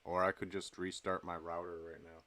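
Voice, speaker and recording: A young man chatting casually on a late-night game stream, relaxed and rambling with lots of fillers. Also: sits low, a little fast.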